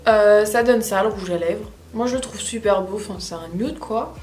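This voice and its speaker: A woman's voice: mid-range voice, moderate pace. A woman chatting casually as a beauty vlogger while testing makeup, rambling with frequent hesitations. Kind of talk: casual makeup tutorial chat. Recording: echoey room with faint music.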